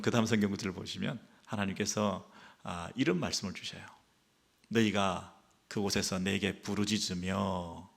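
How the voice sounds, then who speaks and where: A male pastor preaching a sermon, who drops to hushed, slow tones when quoting God and rises loud and quick when acting out the people's complaints. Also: on the low side, creaky.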